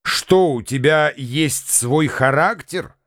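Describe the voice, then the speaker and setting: An actor reading a contemptuous, impatient young bully in a radio play. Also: male voice, on the high side, takes it slowly, fairly bright tone, dry recording, studio quality. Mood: scornful. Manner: snapping, contemptuous. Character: rough, bullying young man, scornful and impatient.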